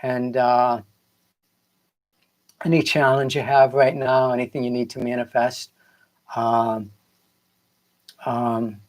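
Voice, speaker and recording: Speaking slowly, with frequent pauses and a flat delivery at medium pitch, a Boston-accented man of middle age or older coaches viewers spiritually on a livestream. His casual, earnest motivational talk rambles and leans on repeated phrases for emphasis.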